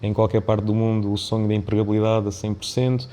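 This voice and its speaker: This podcast guest, a company founder and CEO, talks fast in a lowish, dark, level voice with a European Portuguese accent. He was born in Mozambique and has Indian family roots. He reflects and digresses, frequently checking in with a tag question.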